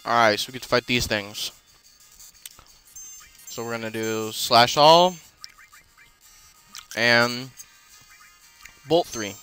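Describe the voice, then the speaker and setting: A man's voice: mid-range voice, takes it slowly, long pauses, pushed and bright, clear, resonant tone, faint music behind. A man casually commenting while he plays a video game, rambling with many fillers and self-corrections as he explains what he is doing. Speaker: let's play host.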